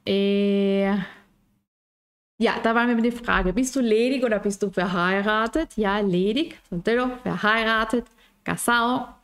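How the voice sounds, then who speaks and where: Patient woman teaching a language online. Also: medium pitch. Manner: checks in constantly with short tag questions; slows down to model pronunciations.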